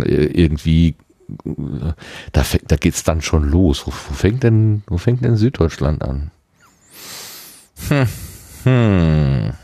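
A man's voice: extremely low pitch, warm tone, no echo. A man from the Ruhr area chatting casually, rambling and self-deprecating, with many restarts. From Ruhr area, Germany. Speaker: conversation partner. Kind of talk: casual chat.

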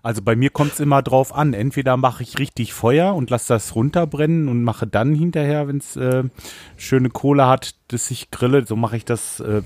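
Relaxed man explaining. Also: mid-range voice, no echo. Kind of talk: casual podcast chat.

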